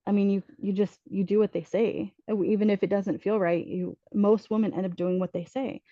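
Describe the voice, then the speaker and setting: A woman on a podcast sharing a personal story earnestly, pausing often with ums and restarting her sentences. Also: mid-range voice, steady tone, no room sound, narrow, tinny audio. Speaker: podcast guest telling her birth story.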